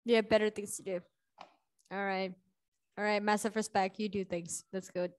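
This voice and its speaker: A woman's voice: medium pitch, flat delivery, moderate pace. A young woman teacher chatting casually with students in an online class over a video call, laughing often between remarks. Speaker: English teacher.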